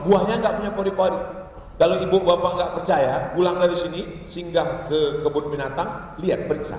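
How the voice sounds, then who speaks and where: A man preaching a sermon to a congregation, telling stories with lively acted-out voices and chanted Arabic verses. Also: sits high, slight background noise. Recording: distant mic in a reverberant hall.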